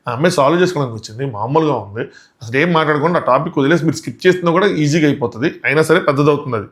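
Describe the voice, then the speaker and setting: A man delivers casual commentary on a reality show at a rapid clip. His voice sits a little high, and he keeps firing off indignant rhetorical questions as he picks apart what happened.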